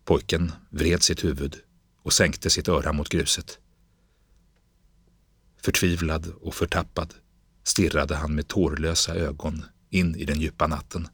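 A man narrating literary fiction in a slow, grave, measured reading. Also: extremely low pitch, fairly even intonation, a bit bright, breathy edge, dry recording.

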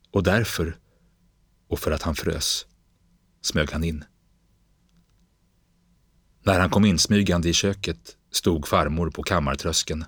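Very deep-voiced man reading fiction. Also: slightly rough, dry recording. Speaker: narrator. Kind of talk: scripted narration of literary fiction.

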